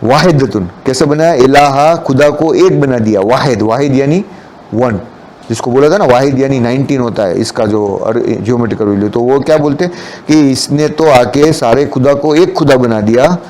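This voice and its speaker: A man's voice: medium pitch, normal speed, a little mellow. A man giving a Friday sermon, explaining the meanings of scripture words and mixing in English terms. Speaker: preacher.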